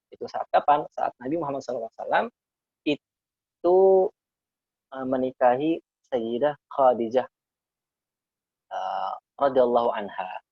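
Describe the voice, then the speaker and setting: An Islamic teacher with a medium-pitched, slightly rough voice leads a casual Quran study session, explaining Arabic verses phrase by phrase and repeating key words. He treats his listeners as friends, staying relaxed and conversational. There's no room sound, and the lo-fi recording is slightly dull.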